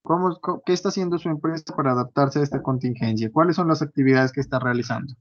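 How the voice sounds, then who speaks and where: A man's voice: mid-range voice, fast, dry recording. A man teaching an online class, constantly checking in with his students. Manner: frequent checking tags like "¿sí?". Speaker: university lecturer. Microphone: computer mic on a video call. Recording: dull lo-fi online call audio, dry.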